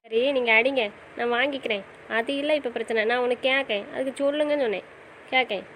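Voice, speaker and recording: A woman's voice: fairly high pitch, quick pace, a bit bright, a little hiss or hum, low-quality recording. A woman playing a wife in an audio drama, pleading and pressing with questions. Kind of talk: casual audio drama acting.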